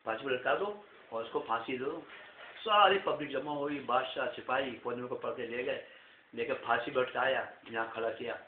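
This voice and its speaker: A man casually telling a folk tale to family in a lively, chatty way, recorded on a phone with a tinny, echoey sound. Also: medium pitch, normal speed, slight background noise. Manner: lively, chatty, addresses listeners as "bhaiya". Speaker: family storyteller.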